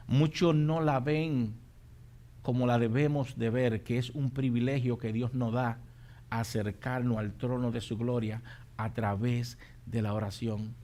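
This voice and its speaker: A man preaching a sermon as pastor, moving from quiet, measured teaching to shouted, repeated exhortations to the congregation. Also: mid-range voice. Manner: repeats phrases for emphasis, calls out to the congregation.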